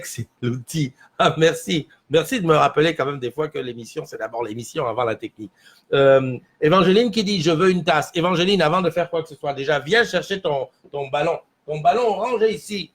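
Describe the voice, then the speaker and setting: A man hosting a casual morning livestream from a small studio, rambling and answering viewer comments as he reads them. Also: fairly high pitch. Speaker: livestream host.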